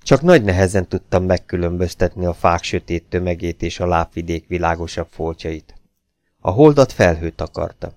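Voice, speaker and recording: A man narrates a classic novel in a measured, steady manner. His voice is low and gravelly, recorded dry and close with no room sound. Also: no echo. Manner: calm, measured first-person telling. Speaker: audiobook narrator. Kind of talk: scripted narration.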